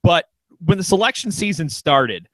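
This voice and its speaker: A man's voice: a little high, very animated, normal speed, a bit bright, dry recording, poor audio. A man hosting a talk radio show in casual chat, joking around and restarting his sentences a lot. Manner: joking, lots of restarts and stammers.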